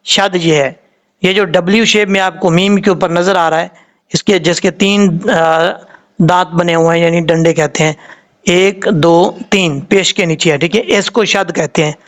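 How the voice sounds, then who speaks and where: A man's voice: high-pitched, steady tone, measured pace. A man with a Pakistani Urdu accent teaching Quran reading, patiently drawing out letter sounds to show how they are said.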